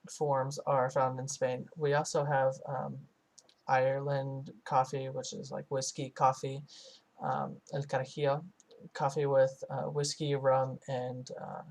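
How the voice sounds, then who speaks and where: A man voicing a live translation over a foreign-language source. He speaks in a narrow, level pitch band and keeps a middle pitch. He pauses and hesitates often, with many filler sounds and restarted phrases. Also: monotone, creaky, darkish tone. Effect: live translation voiced over a foreign-language source. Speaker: student interpreter. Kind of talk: simultaneous interpretation voice-over.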